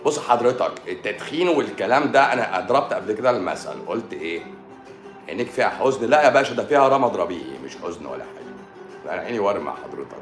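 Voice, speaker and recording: Egyptian man, doctor on a live stream, sore throat, lively and sarcastic banter, echoey room. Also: fairly low pitch, fast talker, soft background music. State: sore throat and swollen eye. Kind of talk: casual live-stream chat answering comments.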